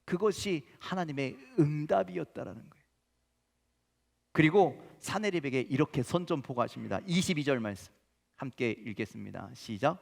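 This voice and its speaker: A male pastor giving an animated, emphatic sermon in a church sanctuary. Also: a little high, normal speed, gravelly. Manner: animated, emphatic preaching with sudden loud rises. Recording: long church reverb.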